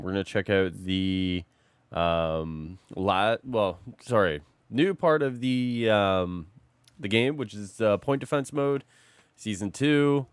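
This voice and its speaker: A man's voice: sits low, clear, resonant tone, dry recording. Sick-sounding man streaming a game. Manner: loose and chatty, greeting and answering chat while playing. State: sick, slightly rough voice. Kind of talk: casual live-stream chat.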